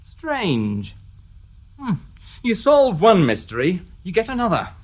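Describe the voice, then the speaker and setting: A shrewd, wry police inspector in a radio drama, needling suspects with dry, sardonic politeness. His voice is lively and moves over a wide range. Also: high-pitched, takes it slowly, heavily acted.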